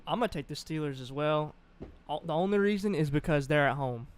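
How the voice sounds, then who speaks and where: A man on a casual sports podcast, explaining his picks in a measured way. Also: fairly high pitch, smooth.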